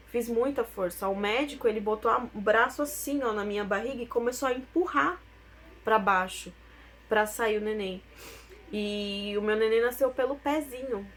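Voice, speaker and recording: A woman's voice: mid-range voice, fairly bright tone. A young woman, telling her own story as a personal testimony, emotional and tearful at times.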